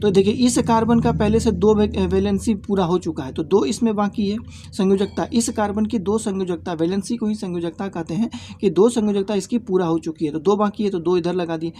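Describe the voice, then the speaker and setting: A man teaching a lesson in a mellow, darker voice. He goes step by step and repeats each key point. He keeps checking that his students follow with short tag questions. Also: high voice, a little fast, a little hiss or hum. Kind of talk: classroom lesson.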